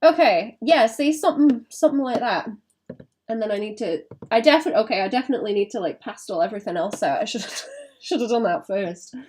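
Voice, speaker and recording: A woman's voice: fairly high pitch, lively intonation, a little fast, darkish tone, a little hiss or hum. A woman chatting casually on a live stream while she draws, thinking aloud and often stopping to restart her sentences.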